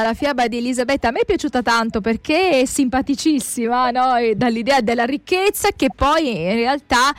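A woman's voice: high voice, dry recording. A woman hosting a casual chat about a children's story, asking questions and restarting often. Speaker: host.

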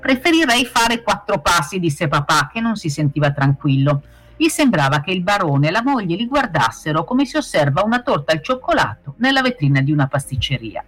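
A woman reading a children's fable aloud in a lively, expressive way. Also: sits low, brisk. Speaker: storyteller, author of the tale.

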